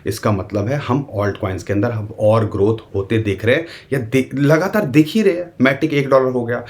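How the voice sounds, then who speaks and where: An Indian-accented crypto market commentator chats through his market analysis directly with viewers, using the royal "we" in a conversational style. His voice is mid-range and his speed normal.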